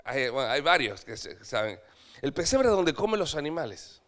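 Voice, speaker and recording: Argentine missionary preacher guy, high pitched, asks the church lots of questions. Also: very animated, moderate pace. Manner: dramatic, swings from loud to hushed, asks the congregation questions. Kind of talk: sermon.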